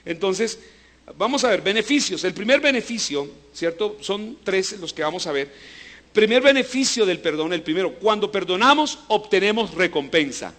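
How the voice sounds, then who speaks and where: A male pastor preaching a sermon, asking the congregation to repeat after him and swinging between loud emphasis and low, hushed lines. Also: expressive, normal speed. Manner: preaching with call-and-response to the congregation.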